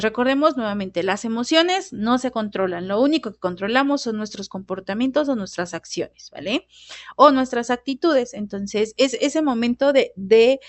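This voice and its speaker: A woman's voice: a little high, dry recording. A woman teaching a lesson on emotions, chatting casually and often checking in with "¿no?" and "¿vale?". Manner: conversational, tag questions like "¿no?" and "¿vale?". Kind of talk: lecture on emotions.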